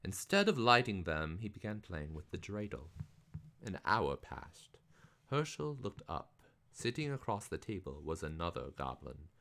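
A man with a deep, bright voice reads a picture book aloud live. He reads slowly and expressively, with a wide, lively pitch. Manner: expressive, theatrical. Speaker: reader.

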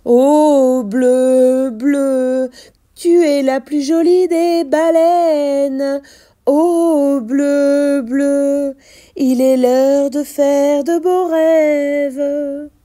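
A woman's voice: sits high, very animated, slow pace, mellow, exaggerated voice. A woman voicing a kind, caring young boy who calls out in a raised, anxious voice. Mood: tender.

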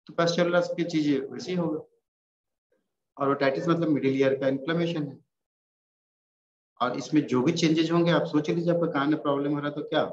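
A man with a Bihari Hindi accent giving an informal veterinary pathology lecture, reassuring and repeating key terms. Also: medium pitch. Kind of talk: classroom lecture. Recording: roomy, dull, faintly noisy lecture recording.

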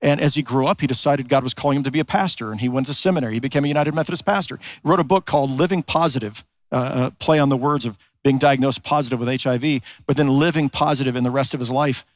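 A man's voice: medium pitch, no echo. Earnest man preaching a sermon. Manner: earnest preaching, slows for emphasis, rhetorical questions. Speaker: pastor. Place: large church sanctuary.

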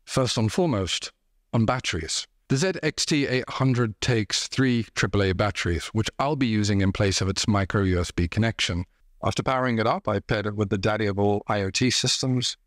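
Man in his thirties, low voice, close dry mic, measured tech-explainer read with dry humor. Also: no echo. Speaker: tech reviewer host. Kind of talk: scripted explainer. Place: home room, indoors.

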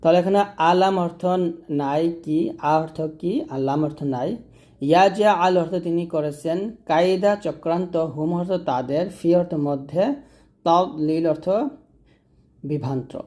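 A man teaching Quran recitation, spelling out letters and vowel marks and then chanting each verse slowly, with a Bangladeshi Bengali accent. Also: on the high side, darkish tone. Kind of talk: spoken lesson with slow chanted recitation.

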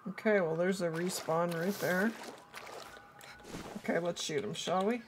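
Fairly low in pitch and a little slow, this woman in her thirties talks over background noise while livestreaming a game indoors. She has a cold that's costing her her voice, and her chat is casual, aimed at viewers and the game alike.

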